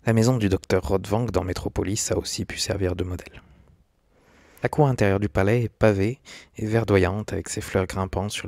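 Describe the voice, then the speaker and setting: A man with a fairly low, darkish voice reads scripted documentary narration as host of an animation history video channel, now and then stumbling slightly over the script. The recording is dry and close, with background music.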